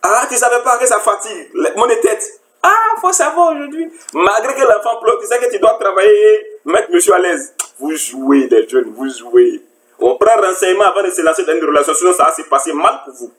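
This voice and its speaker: A woman's voice: mid-range voice, brisk. A woman relationship coach giving a lecturing monologue, mocking her listeners with the same rhetorical question over and over. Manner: mocking, rhetorical, repeats "you didn't know that". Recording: roomy echo.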